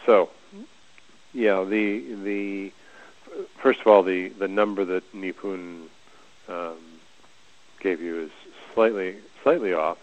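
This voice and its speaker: A soft-spoken man with a low, gravelly voice talks as a guest in a relaxed conversation, explaining hesitantly and haltingly with many restarts. His audio sounds dull and lo-fi, like a remote call.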